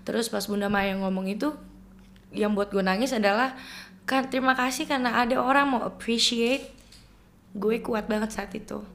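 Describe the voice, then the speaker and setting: A woman's voice: on the high side, fairly even intonation, moderate pace, fairly bright tone. A young adult woman from East Nusa Tenggara, a singer guest in a casual interview, speaking earnestly and emotionally.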